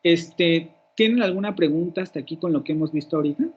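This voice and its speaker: A man's voice: on the high side, fast talker. A man giving an online university lecture as a professor, explaining at length, repeating his examples aloud and checking in with the class. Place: indoor room with a window. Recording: dull lo-fi online class audio.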